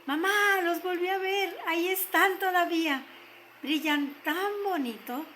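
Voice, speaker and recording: A woman voicing an excited little girl who longs for a pair of skates, speaking eagerly. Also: very high-pitched, a little slow, a little hiss or hum, voice pushed up, heavily acted. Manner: eager, breathless.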